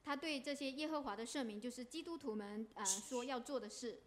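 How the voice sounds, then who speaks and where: A woman's voice: fairly high pitch, measured pace. A woman interpreting a sermon phrase by phrase, fluent but with fillers.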